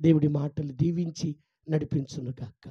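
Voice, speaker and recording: A male pastor giving a fasting prayer sermon. He preaches fervently, swinging from loud exclamations to hushed, tender pleading, and calls his listeners child and mother. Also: a little high, fairly even intonation, breathy edge, highs cut off.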